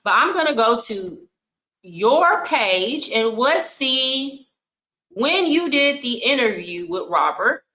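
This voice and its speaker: A woman's voice: fairly high pitch, big pitch swings, takes it slowly, pushed and bright, reverberant, low-quality recording. A young woman, streaming and commenting bluntly on clips in casual talk. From United States. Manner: blunt, scolding, talks over clips.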